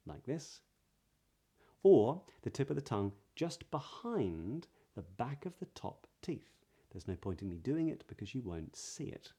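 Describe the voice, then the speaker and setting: Low, mellow British male voice coach. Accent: British English. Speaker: voice coach, video host. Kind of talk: pronunciation lesson to camera.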